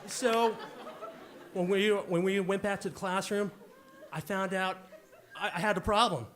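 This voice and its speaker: A young man telling a story on stage, animated and acting out the dialogue with loud bursts. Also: sits high, unhurried, a crowd in the background, background noise. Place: club stage with audience.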